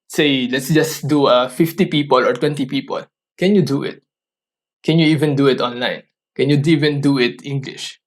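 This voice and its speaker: A man with a higher-pitched voice, whose first language is Tagalog, hosts a solo motivational podcast, earnestly coaching listeners and posing rhetorical questions to them. His speech is halting, and he often restarts sentences.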